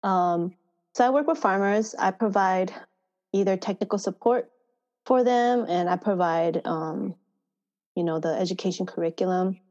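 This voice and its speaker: A woman's voice: mid-range voice, normal speed. Woman guest, laughing, slightly muffled audio. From Thailand. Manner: laughs often, relaxed storytelling with fillers. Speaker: farmer education manager. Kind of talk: casual interview conversation. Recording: slightly dull lo-fi sound.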